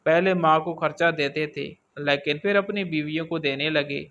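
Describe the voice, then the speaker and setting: A man reading a scripted story aloud in a steady, even storytelling manner. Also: a little high, slight background noise.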